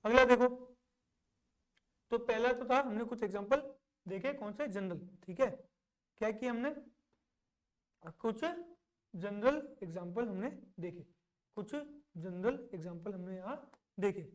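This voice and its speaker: A woman teaching an English grammar lesson, asking questions and answering them herself, and reading example sentences out slowly. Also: mid-range voice, rough recording.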